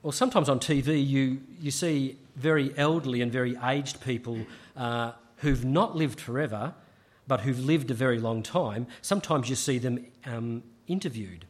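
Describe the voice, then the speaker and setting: A man preaching a sermon, measured and emphatic, with frequent restarts. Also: medium pitch.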